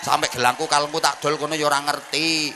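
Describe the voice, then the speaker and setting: A man's voice: a little high, level tone, brisk, noisy background, natural voice. A male preacher acting out a nagging wife who rants at length about her stingy husband. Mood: aggrieved. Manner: ranting, aggrieved.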